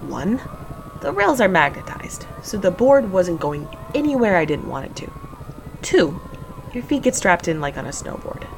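A woman's voice: mid-range voice, poor audio. A young woman narrating and acting as a sarcastic, profane heroine caught up in a dangerous stunt. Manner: sarcastic and profane, often panicky. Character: sardonic young woman narrating her own reckless stunt. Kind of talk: first-person audio drama narration. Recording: audible background noise.

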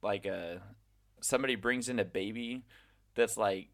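A man's voice: fairly low pitch, moderate pace, a bit bright. A young man who teaches English abroad, chatting casually and laughing often. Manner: easygoing, laughs often, filler-heavy. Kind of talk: casual chat.

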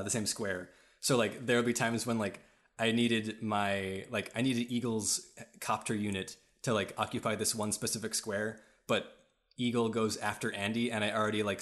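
A man's voice: lowish voice, fairly bright tone. A man co-hosting a casual podcast chat, rambling with lots of fillers and frequent laughs, recorded on a podcast mic. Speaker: podcast co-host.

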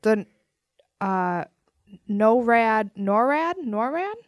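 A woman's voice: on the high side, lively intonation, very slow, dry recording, studio quality. Giggly woman hosting a podcast game. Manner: giggly, storytelling. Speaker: podcast co-host, game runner. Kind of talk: casual chat.

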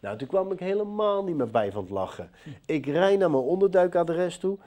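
A man giving a personal testimony in an interview, a lively storyteller who acts out the dialogue. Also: sits high, normal speed. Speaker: interview guest telling his life story.

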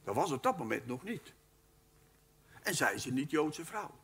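A man giving a Bible teaching lecture at a live event, speaking in an animated, emphatic way and addressing his listeners formally. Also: on the high side, moderate pace, slightly rough. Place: live talk at a weekend event.

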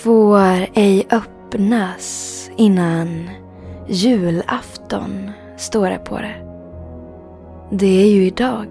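An actress playing the hero's affectionate partner in a video game, gentle and conversational. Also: female voice, mid-range voice, faint music behind, natural voice.

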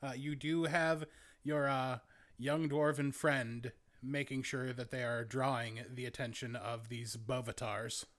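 A man narrating a tabletop game as game master, describing scenes in a halting, searching way. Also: mid-range voice, steady tone, fairly bright tone.

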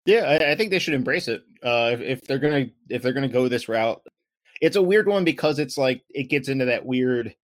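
A man's voice: mid-range voice, expressive, a little fast, dry recording. Wry, rambling man on a dry mic. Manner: rambling, self-correcting, wry. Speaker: podcast co-host. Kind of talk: casual sports podcast chat.

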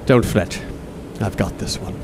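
A man's voice: unhurried, lightly acted. A male actor playing a bossy, foul-mouthed gang leader who is sarcastic, florid and theatrically wheedling. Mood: coaxing, bossy. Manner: sarcastic, florid, swearing emphatically. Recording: faint background rumble.

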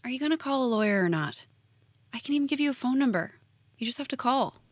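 A needling mood runs through this naturalistic audio drama, where an American actress plays a sarcastic, jaded high school teacher with a blunt, deadpan style. She speaks fast over slight background noise.

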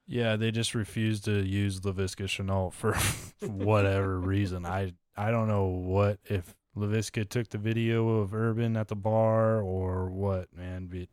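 Low-voiced man, casual podcast co-host. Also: clean tone, dry recording, clean studio sound. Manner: relaxed, laughs often, animated storytelling. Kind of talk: casual fantasy football chat.

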